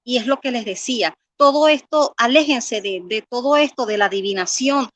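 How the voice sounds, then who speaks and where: A woman's voice: a little high, moderate pace. A woman giving an earnest personal faith testimony, reading scripture aloud and often repeating words as she pleads with listeners.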